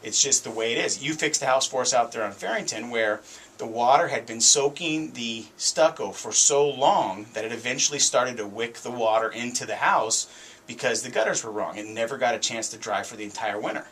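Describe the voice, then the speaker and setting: In a small indoor radio studio lined with foam, a middle-aged American man speaks into a boom-mounted studio microphone. His storytelling is casual radio talk, conversational and emphatic. The voice is medium in pitch, a little fast, fairly bright, with a breathy edge.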